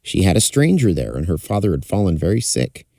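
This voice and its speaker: A man's voice: low voice, sing-song, fairly quick, creaky, warm tone, no room sound, studio quality. A man telling a folktale in a fireside storytelling style, as narrator. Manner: acts out characters' dialogue.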